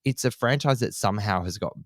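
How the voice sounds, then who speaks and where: A man co-hosting a casual film-review podcast, his voice deep. He talks with enthusiasm and drifts into tangents. The sound is dry and close, with no room echo. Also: fast talker. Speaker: podcast co-host.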